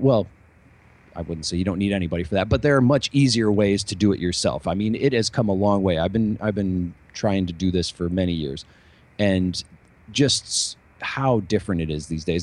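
Man, low voice, casual podcast chat, rambling, lots of fillers. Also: darkish tone. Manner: rambling, many fillers and restarts. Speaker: podcast host, musician.

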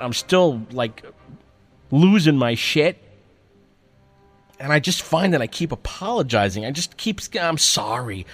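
Profane, self-mocking male storyteller. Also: mid-range voice. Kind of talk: personal storytelling monologue.

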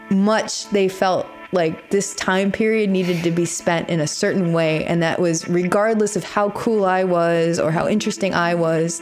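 A young woman guest telling a personal story conversationally, with an emphatic, incredulous manner. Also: medium pitch. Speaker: show guest. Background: faint music.

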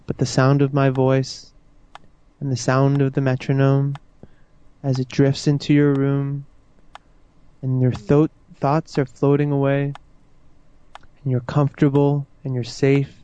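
A man guiding a listener into hypnosis with slow, soothing, repetitive suggestions. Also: mid-range voice, warm tone, smooth, lo-fi sound. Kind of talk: guided hypnosis induction.

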